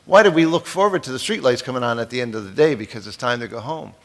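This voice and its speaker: A man's voice: medium pitch, lively intonation, fast talker, slight background noise. Joking fifty-something man giving a keynote. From East Coast. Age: 50s. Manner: folksy, joking, asks the audience questions. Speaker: keynote speaker. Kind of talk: motivational keynote speech.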